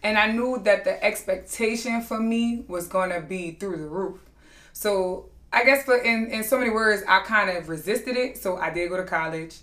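A woman's voice: mid-range voice, moderate pace. A young woman, an aspiring singer speaking candidly as a guest in a casual interview. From New Orleans. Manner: candid, animated storytelling. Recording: echoey room.

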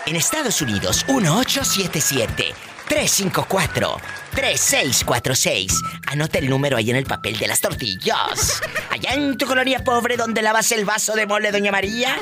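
Campy, animated male radio host. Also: high voice, moderate pace. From Tamaulipas, Mexico. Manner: flamboyant, teasing and campy. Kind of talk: live radio call-in show. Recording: music playing behind.

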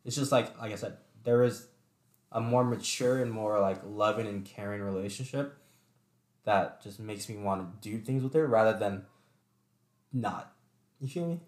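A man's voice: lowish voice, moderate pace, long pauses, darkish tone. Laid-back young man telling a story. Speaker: podcast co-host. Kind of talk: casual chat. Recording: echoey room.

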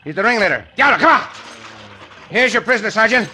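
An actor playing a dashing, courteous Mexican cowboy hero with a Mexican accent in an old-time radio western, theatrical and commanding. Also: male voice, high-pitched, very animated, fast talker, bright, forceful tone, breathy edge, exaggerated voice. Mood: urgent. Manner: theatrical, commanding, formal phrasing. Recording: noisy vintage radio drama recording.

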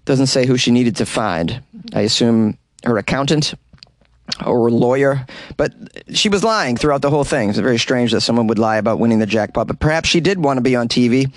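A man's voice: mid-range voice, brisk, no room sound. Guy doing a funny news podcast from a closet, super dry sound, wry and rambly, pokes fun at himself. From New England. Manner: rambling, self-deprecating, wry. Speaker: podcast host. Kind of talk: casual comedic commentary on odd news. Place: small hot closet.

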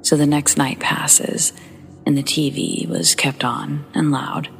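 Low, gravelly woman whispering ghost stories. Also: fairly even intonation, slow pace. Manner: soft, partly whispered delivery. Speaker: host reading listener stories. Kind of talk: hushed storytelling narration. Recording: faint music bed behind voice.

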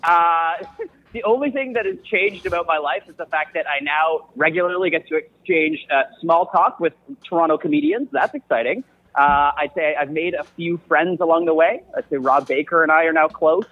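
A man calling in on a phone from a subway station, his voice echoing as if in a tunnel, teasing in a dry deadpan way. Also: a little high, normal speed. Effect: phone call echoing from a subway tunnel. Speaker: phone-in guest. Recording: muffled lo-fi phone line.

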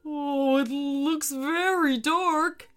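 A woman's voice: high voice, fairly even intonation, extremely slow, a bit bright, faint music behind, voice pushed up, heavily acted. Woman voicing a timid, worried whale. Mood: nervous. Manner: hesitant, worried. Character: timid nervous whale who fears the dark.

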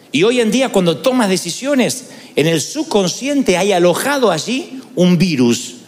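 This pastor's sermon carries the sound of a big room, and his voice is high-pitched. Preaching in church, he tells stories with animation and gives voice to inner thoughts by acting them out.

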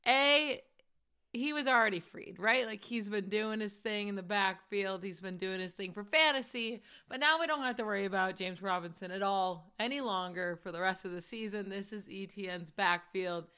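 A slightly hoarse woman hosts a podcast in easy, casual chat. Her tone is bright and crisp, and she talks quickly with plenty of "like" fillers. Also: medium pitch. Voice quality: chatty, quick, many "like" fillers. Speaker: podcast host.

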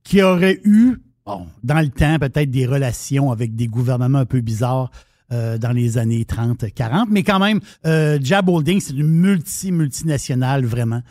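A man's voice: mid-range voice, lively intonation, normal speed, darkish tone, no room sound, clean studio sound. A man with a Québécois French accent, co-hosting a radio show and telling a story in casual banter with many restarts.

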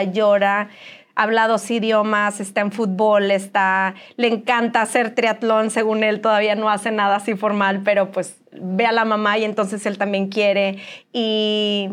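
A woman with a Mexican accent, speaking as an interview guest and telling her personal story in an animated way. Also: medium pitch, measured pace. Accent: Mexican Spanish. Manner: animated, acts out other people's lines. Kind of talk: candid conversational storytelling.

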